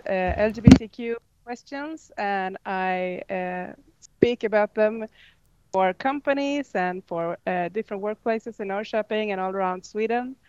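A woman's voice: mid-range voice, a little mellow, highs cut off. A woman moderating a panel discussion, friendly and slightly hesitant.

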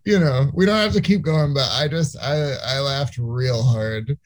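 A man's voice: medium pitch, measured pace. A man co-hosting a podcast in casual chat, chatty and laughing often as he retells stories.

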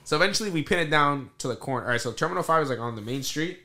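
A man in his twenties chatting casually like a frat bro, telling animated stories full of slang and swearing. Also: on the high side, rapid-fire. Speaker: podcast host. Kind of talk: casual chat, animated anecdote.

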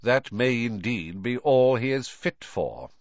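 A man's voice: fairly low pitch, lively intonation, a little slow, a bit bright, no echo, highs cut off. A man voicing a cold, haughty aristocratic wizard father who speaks in a clipped, disdainful way.

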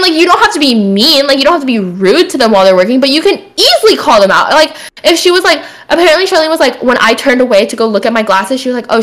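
Young woman, casual storyteller, higher-pitched, animated, laughs a lot and plays out the quotes.

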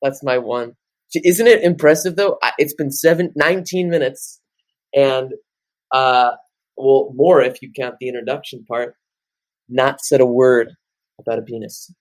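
A man in his late teens co-hosting a podcast, rambling through animated casual chat. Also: medium pitch, normal speed, no room sound. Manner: rambling, animated, jumps into loud off-key singing. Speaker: podcast co-host.

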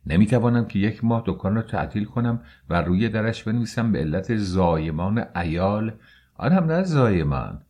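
A male audiobook narrator with a deep, low-pitched voice. He reads in a measured, unhurried way, and his tone is husky. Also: animated, dark tone. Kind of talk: scripted narration.

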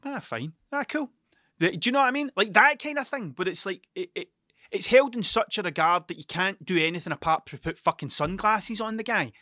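A man with a broad Ayrshire Scottish accent talks off the cuff in a fairly high, bright, punchy voice. He swears constantly and doubles back to question himself, rambling bluntly. The sound is dry, with very little room on it. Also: fairly quick, dry recording. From Scotland, Ayrshire. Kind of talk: casual rambling monologue.

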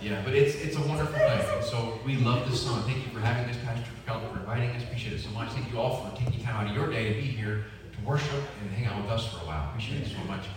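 A man's voice: medium pitch, rapid-fire, few pauses, background noise. Joking man with a northern US accent. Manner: jokey, folksy, drawing the audience in. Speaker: traveling music minister. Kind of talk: casual church stage talk. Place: church sanctuary. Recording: echoey church from far off.

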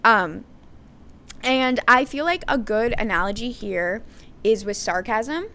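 Woman podcasting solo, bit high voice, smooth and clear, lots of ums and likes. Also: expressive, slow, bright, forceful tone. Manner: conversational, sarcastic, many fillers and restarts. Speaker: podcast host. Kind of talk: candid solo podcast monologue.

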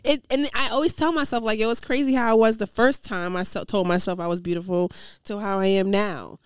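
A young woman co-hosting a podcast, animated and affirming, slangy in casual chat. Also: medium pitch, fairly quick.

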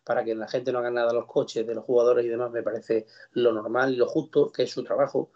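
Mellow-voiced man in discussion. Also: mid-range voice, level tone, fast talker. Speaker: talk panelist. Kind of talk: casual discussion. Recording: dull lo-fi sound.

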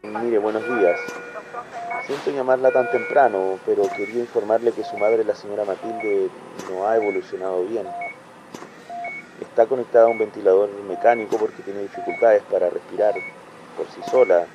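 A man's voice: fairly low pitch, fairly even intonation, moderate pace, highs cut off, music in the background, lightly acted. An actor playing a male hospital doctor who gives bad news by phone, firm, patient and formal, in a radio drama. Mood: solemn.

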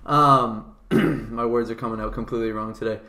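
A young man rattles off his opinions at a quick clip, cursing freely and dropping "dude" again and again. His mid-pitched voice bounces around a roomy, echoing space, and the talk stays loose and unscripted. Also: fairly even intonation, vocal fry, pushed and bright. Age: young adult. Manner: fast-talking and profane, says "dude" a lot. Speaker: podcast co-host. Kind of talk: casual chat.

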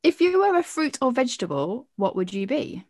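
A woman's voice: sits high, big pitch swings, moderate pace, darkish tone. A woman hosting a podcast, cheerfully quizzing her guest. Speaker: podcast host. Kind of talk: casual podcast interview.

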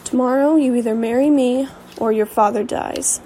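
A woman's voice: on the high side, moderate pace, dark tone, slight background noise, natural voice. A woman voicing a cruel, domineering young man who holds a princess captive. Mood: menacing.

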